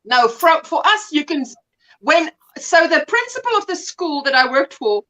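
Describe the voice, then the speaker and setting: A woman's voice: sits high, normal speed, low-quality recording. A woman with a South African accent telling stories in a casual video-call chat, laughing often. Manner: animated storytelling, laughs often.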